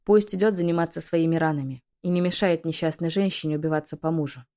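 A woman's voice: low voice, fast, mellow. Woman narrating a romance audiobook.

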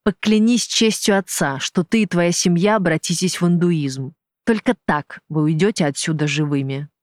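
A reader voices a cruel, mocking male gang boss for an audiobook. He taunts and threatens in a false, friendly way, his voice pitched up and pushed loud. The recording is dry and close. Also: normal speed, no room sound, natural voice. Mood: commanding. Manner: sneering, taunting, falsely genial. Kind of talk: audiobook character voice.

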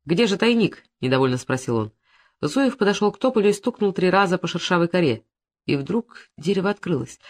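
A woman's voice: on the low side, animated, fairly quick. A woman reading an adventure story aloud as narrator, shifting her voice for the characters. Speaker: audiobook narrator.

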